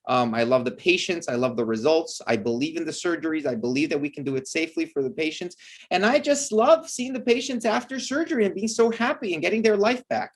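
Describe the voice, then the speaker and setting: A man's voice: on the high side, animated, brisk. A man from El Salvador whose first language is Spanish, a surgeon answering interview questions earnestly and enthusiastically, with frequent restarts. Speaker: bariatric surgeon guest.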